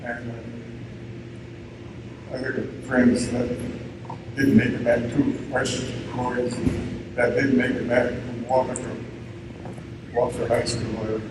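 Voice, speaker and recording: A man in his nineties speaks to a gathering as a veteran, in a plain, halting way with short phrases. His voice sits at an average pitch. It comes from some distance in a very echoey space, with clear noise behind it. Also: level tone. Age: 90s. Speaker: army veteran giving a speech. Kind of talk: informal commemorative speech to an audience. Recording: echoey, distant, noisy event PA recording.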